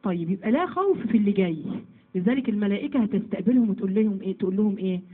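Fast-talking Egyptian woman on a tinny line. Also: mid-range voice, husky. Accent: Egyptian Arabic. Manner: lively, asks and answers her own questions. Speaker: religious teacher. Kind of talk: Quran commentary lesson to women.

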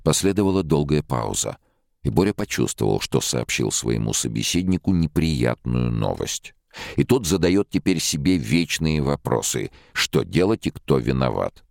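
A man reading a novel aloud in an expressive, measured narration into a studio microphone. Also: a bass voice, vocal fry, dry recording. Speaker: audiobook narrator. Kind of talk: scripted literary narration.

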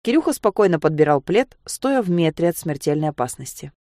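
A woman narrates a first-person story in an audiobook style, her voice sitting on the low side. She throws herself into the dialogue, raising her voice for the shouted lines. The recording is dry and close, with no room sound. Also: brisk, dry recording. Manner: acts out the dialogue with lively shouts.

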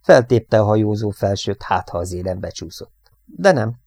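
A man narrating an audiobook in a measured, dramatic way. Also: on the low side, animated, darkish tone, no room sound, clean studio sound.

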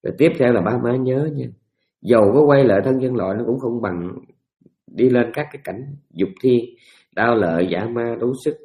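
A man delivers a Buddhist dharma talk. He teaches in a folksy, storytelling way, dropping humorous asides. His voice sits at an ordinary middle pitch. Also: normal speed, warm tone.

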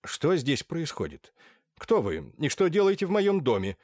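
A blustering, short-sighted old general, as a man reads him aloud, full of indignation and commands. His voice leaps up and down in pitch. The recording is dry and close. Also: very animated, moderate pace, a little mellow, no echo. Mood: indignant. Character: blustering, half-blind old male general.

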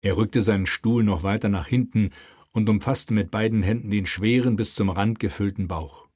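A man reading a historical novel aloud in measured, scripted narration. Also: lowish voice, darkish tone, no echo, clean studio sound. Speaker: audiobook narrator.

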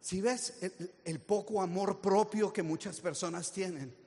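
Casting: energetic male motivational speaker, high voice, lively anecdotes, long echo of a hall. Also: a little slow. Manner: animated storytelling with acted-out quotes. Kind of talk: motivational talk.

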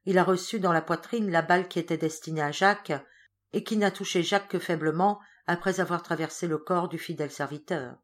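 A woman reading the part of a kindly elderly churchman, speaking gently and reassuringly in an audiobook. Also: lowish voice, a little fast, lightly acted. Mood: consoling. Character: kindly elderly male churchman, calm and consoling.

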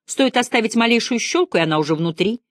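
A woman reading the part of a spirited, stubborn older woman in a lively, brisk, insistent way. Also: fairly high pitch, dry recording, clean studio sound, pitched above the performer's own voice, natural voice. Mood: chatty.

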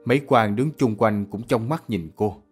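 A man narrating a radio drama in an even storytelling manner. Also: on the low side, normal speed, husky, soft background music.

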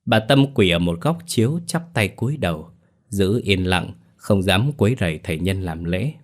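A man narrating a ghost story in a measured, dramatic storytelling manner. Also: sits low, animated.

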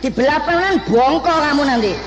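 A woman's voice: high-pitched, lively intonation, a little fast. A woman with a Javanese accent playing a literal-minded, teasing older uncle in a comic stage drama, heckling in mock puzzlement. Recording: noisy echoing hall stage recording.

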